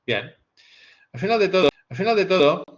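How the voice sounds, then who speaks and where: With a high, expressive voice at a moderate pace, a man lectures master's students on a business case, explaining over slides. Rhetorical questions and repeated phrases add emphasis, and the audio is dull and lo-fi.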